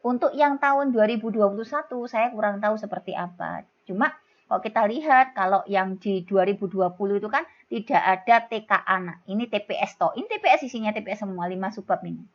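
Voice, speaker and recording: A woman's voice: mid-range voice, fairly quick. A middle-aged woman teacher with a Javanese accent, explaining exam material in a chatty, teasing way and calling her students kids. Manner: chatty, scolding-playful, calls students "kids". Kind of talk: exam-prep lesson. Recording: dull lo-fi recording.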